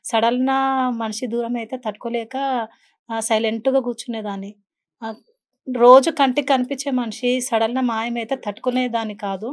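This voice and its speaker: Fast-talking high-voiced woman. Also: fairly even intonation. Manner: earnest, telling a personal story with quoted speech. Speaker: guest, beautician and meditation teacher. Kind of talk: podcast interview, personal story.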